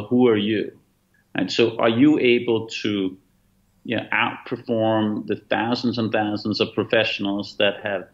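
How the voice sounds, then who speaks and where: Man in his fifties, from Denmark, native Danish speaker, lowish voice, emphatic and earnest, muffled video-call sound. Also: a bit bright. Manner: earnest, emphatic, with frequent fillers. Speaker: guest, author and former fund manager. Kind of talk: remote interview answer. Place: bright room at home. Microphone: laptop webcam video call. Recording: dull video-call audio.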